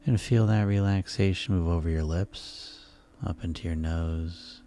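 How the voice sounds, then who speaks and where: Very deep, soothing male sleep hypnosis guide. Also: fairly even intonation. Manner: soft, soothing, unhurried delivery with pauses. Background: relaxation music.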